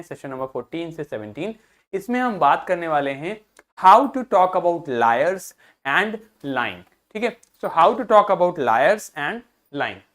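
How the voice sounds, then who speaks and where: His voice on the high side and fairly bright, a male teacher works through classroom vocabulary by questioning students and answering for them. Each word gets spoken slowly and repeated several times.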